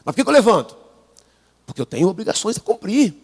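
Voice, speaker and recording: Preaching a sermon live in a church sanctuary while unwell, a Brazilian pastor with a gravelly, husky voice and a Brazilian Portuguese accent talks fast, his pitch swinging widely from murmured asides to shouted climaxes. He keeps prompting the congregation to answer and repeat after him, and long hall reverb surrounds every line.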